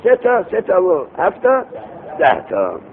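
Lively male teacher on a tinny recording. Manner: lively, repeats terms, asks students questions. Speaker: teacher of Arabic morphology. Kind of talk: classroom lesson, explaining and quizzing. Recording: tinny phone-like recording with faint rumble.

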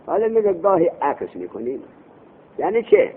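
Male grammar teacher, high and husky, animated lecture, reads text then explains, tinny lo-fi recording. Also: slight background noise. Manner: animated, reads Arabic text aloud then explains it, asks rhetorical questions.

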